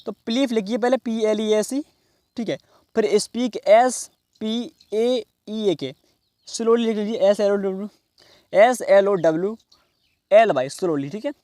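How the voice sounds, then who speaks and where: A man teaching in a class, explaining slowly and repeating each phrase. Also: high-pitched, mellow. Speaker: English teacher. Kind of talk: classroom lesson.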